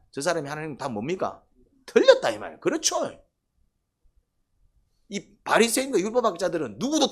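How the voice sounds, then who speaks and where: A male pastor preaching a sermon, with lively delivery, many rhetorical questions and quotes he acts out. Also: a little high.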